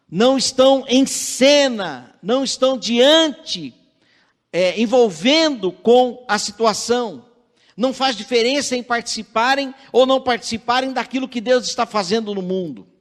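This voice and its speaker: A man with a Brazilian Portuguese accent preaching a sermon in a measured, earnest way, reading scripture aloud. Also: very high-pitched. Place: church sanctuary. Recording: church livestream with long hall reverb.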